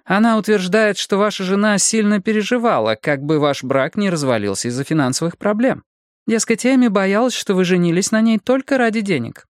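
A male narrator puts on a persistent woman detective from an audiobook, her voice lifted well above his own. She presses with brisk, pointed questions. The recording is dry and close. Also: high-pitched, dry recording, pitched above the performer's own voice, close to an everyday voice. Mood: pressing. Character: sharp, persistent female police detective. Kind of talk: audiobook character voice.

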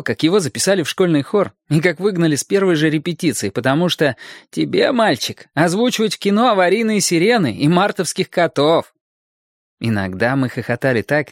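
A man narrating a story as an audiobook, calm and reflective in his storytelling. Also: medium pitch, no room sound, studio quality.

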